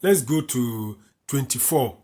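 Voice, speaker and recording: His voice is medium-pitched, mellow and expressive, and he speaks slowly. The man, from West Africa, teaches from the Bible by reading verses aloud, explaining them, and coming back to the key lines again and again.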